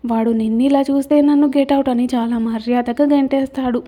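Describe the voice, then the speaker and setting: A woman doing a kind male teacher in an audio story who jokes lightly to cheer someone up. The voice stays high and mellow, with a warm, dark tone. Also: fairly even intonation, brisk. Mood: reassuring. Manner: light, joking. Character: gentle teasing male teacher, good-humored.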